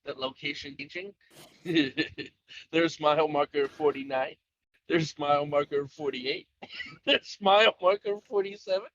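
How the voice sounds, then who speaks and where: A man's voice: fairly high pitch, a little slow, a bit bright, slight background noise. A man joking with his co-hosts over a garbled, robotic-sounding cell phone line while driving in a van. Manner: joking, rambling. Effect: garbled, robotic-sounding metallic cell phone line. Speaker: podcast co-host. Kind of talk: casual podcast chat. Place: inside a moving van. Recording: dull lo-fi cell phone call.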